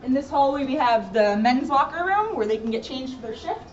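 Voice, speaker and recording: A woman police officer with a high voice gives an informal guided tour through the indoor rooms and hallways of a police station, speaking a little fast with lively intonation. She explains things plainly and talks straight to viewers. The sound is roomy, muffled and noisy, captured by a distant camera mic.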